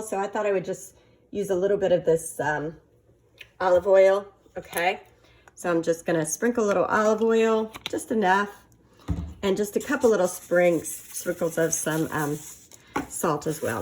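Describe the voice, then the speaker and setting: A woman hosting a casual cooking demonstration, talking in a halting way with many fillers and playful, flirty asides. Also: medium pitch, slight background noise. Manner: halting, filler-heavy delivery. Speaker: cooking video host.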